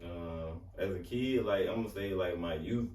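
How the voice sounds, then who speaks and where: Man, Southern accent, dark mellow voice, laid-back storytelling, distant mic, faint background ambience. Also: low-pitched, moderate pace, reverberant. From Alabama. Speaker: rapper guest. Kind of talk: casual interview.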